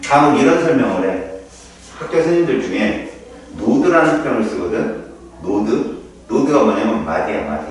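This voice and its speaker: A mid-range male voice tutors a student one-on-one in chemistry, informally and lively, using rhetorical questions. The recording sounds distant, captured in an echoey room.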